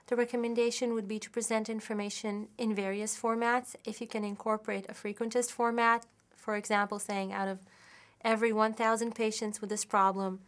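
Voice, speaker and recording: A woman lecturer in marketing giving an expert explanation, measured and methodical, building her points with examples and sometimes correcting herself mid-sentence. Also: medium pitch. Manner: occasional restarts and self-corrections.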